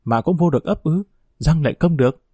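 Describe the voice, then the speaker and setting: A grieving old village mother pleads and scolds, as a male narrator reads her lines. The voice stays dark and mellow, close and dry, in an audiobook reading. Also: on the high side, lively intonation, brisk, slightly rough, dry recording. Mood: anxious. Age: older.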